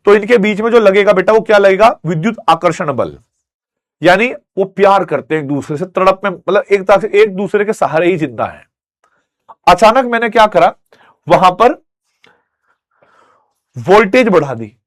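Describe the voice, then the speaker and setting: A man's voice: sits high, moderate pace, pauses often. A male teacher giving a classroom lecture, telling stories and making sound effects to explain a point. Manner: animated storytelling with sound effects.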